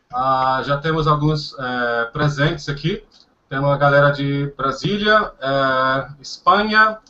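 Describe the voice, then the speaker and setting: A Brazilian man hosts a casual group video call for language practice, upbeat and chatty, laughing often and switching between Portuguese and English. He has a Brazilian Portuguese accent and a bright voice pitched a little high, heard through dull, lo-fi audio.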